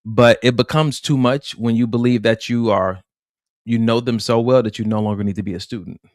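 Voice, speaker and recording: Male podcast co-host, reflective and measured, mid-pitched, dry studio sound. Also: fairly even intonation, darkish tone, dry recording. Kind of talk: casual podcast conversation about relationships.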